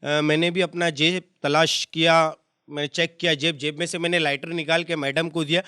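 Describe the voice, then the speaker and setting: Male stand-up comedian, high bright voice, acts out voices in his bits. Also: flat delivery, moderate pace, smooth. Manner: switches into voices of the people in his jokes.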